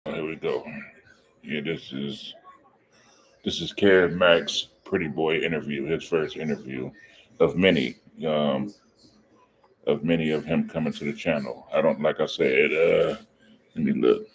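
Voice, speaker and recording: A man's voice: steady tone, a little slow, long pauses. A man hosting a live reaction stream, talking casually and rambling, with fillers and self-corrections. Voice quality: very deep voice. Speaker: reaction channel host.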